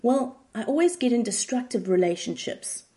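A woman voicing an anxious, fretful female patient in a retold comedy sketch, pleading and slightly higher-pitched. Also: lively intonation, moderate pace, dark tone, close to an everyday voice.

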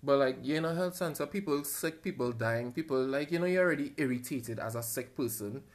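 A man co-hosts a podcast and chats casually, talking a little fast in a mid-range voice. He sounds hesitant and fills his speech with lots of "um"s.

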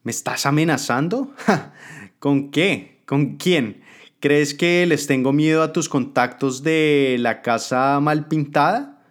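A man's voice: on the high side, slow pace, voice pushed up. A man voicing a cruel, ruthless woman politician who taunts and threatens, in a dramatic spoken story. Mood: scornful. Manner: taunting, contemptuous.

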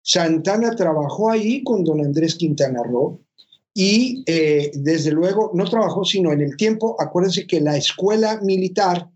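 A speaker in casual talk adding curious historical details in a measured way, with fillers. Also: mid-range voice, darkish tone, highs cut off.

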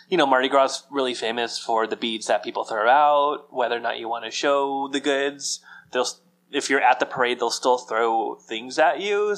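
A man's voice: medium pitch, a bit bright, low-quality recording. Brief: male podcast co-host, mid-range voice, loose, meandering delivery. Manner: rambling, hesitant, many fillers and restarts. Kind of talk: casual chat.

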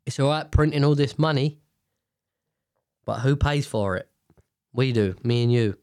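A British man with a nasal, stuffed-up voice at a medium pitch. He comments in a loose, informal way, blunt and quick to swear. The sound is dry, with no room echo. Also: darkish tone, clear, resonant tone. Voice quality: nasal, congested. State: blocked nose from sinus infection. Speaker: host. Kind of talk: casual rambling commentary, reading news aloud.

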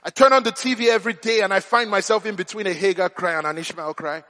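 A man preaching a sermon with impassioned, repeated rhetorical questions that rise to shouted appeals. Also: sits high, fast talker.

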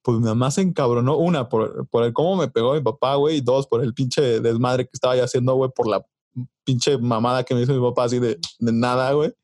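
A man's voice: mid-range voice, fast talker, no room sound. Dry-voiced Mexican man swapping stories. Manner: animated storyteller, acts out quotes, swears casually. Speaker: podcast host. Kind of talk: casual chat.

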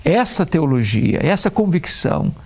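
A man, a preacher talking about faith and grief in a measured way, slowing down to stress key words. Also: fairly high pitch, sing-song, vocal fry.

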